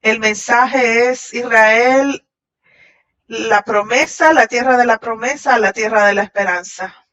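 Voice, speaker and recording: A woman voicing a Shabbat message in translation, halting at times and restarting. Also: a little high, fairly bright tone. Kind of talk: translated sermon voice-over. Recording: dull lo-fi audio.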